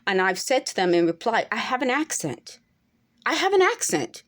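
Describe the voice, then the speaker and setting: Talking straight into the camera without a script, this forties-aged woman vlogger is earnest and insistent, and her speech now and then swells into emphatic peaks. She has a fairly high, somewhat bright voice that is very animated at a moderate pace.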